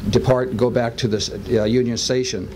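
A man's voice: mid-range voice, fairly even intonation, a little fast. Older guy at a podium outside, folksy speech, noisy outdoor sound. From Los Angeles. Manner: folksy, with baseball metaphors. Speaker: county supervisor. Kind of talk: public speech at a press event. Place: outdoors at a stadium lot beside a bus. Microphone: podium microphone. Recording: outdoor noise in the background.

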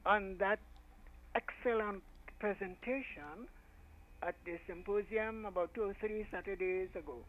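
An older man calling in to a radio show over a phone line, formal and lavishly flattering as he speaks. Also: high voice, a little slow, slight background noise. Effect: heard over a phone line. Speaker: radio call-in listener. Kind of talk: phone-in chat.

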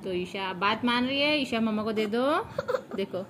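A woman's voice: mid-range voice, moderate pace, background noise. A woman, a mother in a home video, coaxing her small daughter with repeated sweet pleas and teasing warnings. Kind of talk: family vlog, coaxing a small child.

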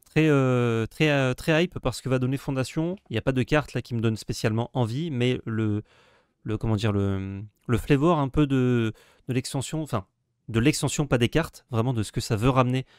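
A man co-hosts a relaxed card-game talk, often pausing and restarting his sentences. His voice sits at a middle pitch. The sound is dry and close. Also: smooth, no room sound. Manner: hesitant, many fillers and restarts. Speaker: co-host. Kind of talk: casual card-game discussion.

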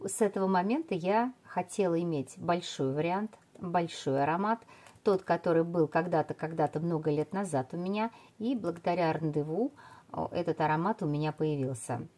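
A woman's voice: fairly low pitch, moderate pace, mellow. A middle-aged woman reviewing a perfume in a casual video, rambling with many fillers and restarts.

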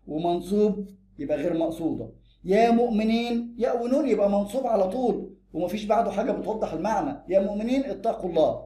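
A man with an Egyptian Arabic accent teaching a grammar lesson, quick and emphatic, slowing down to stress each example. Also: high voice, warm tone, reverberant. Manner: brisk, drills examples slowly and emphatically.

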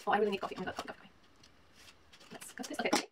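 A woman in her twenties chatting casually while opening mail at home, gushing and reading letters aloud haltingly. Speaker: vlogger. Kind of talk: casual unboxing chat. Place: small home room, indoors.

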